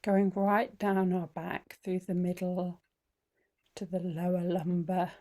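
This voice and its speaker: Slow, gentle meditation guide, woman. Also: fairly low pitch, little pitch movement. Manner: slow, gentle guidance with frequent ums and soft whispered phrases. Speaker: breathwork and mindfulness teacher. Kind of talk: guided body scan meditation.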